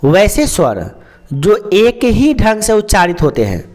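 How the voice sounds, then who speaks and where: High-voiced man teaching slowly. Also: wildly swooping pitch, a little mellow. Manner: slow and repetitive, stretches out sounds, asks and answers himself. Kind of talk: explaining a lesson.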